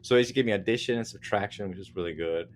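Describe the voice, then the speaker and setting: A man and parent hosting a casual tutorial vlog, chatty and joking with quick asides. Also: fairly low pitch. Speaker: parent and video host.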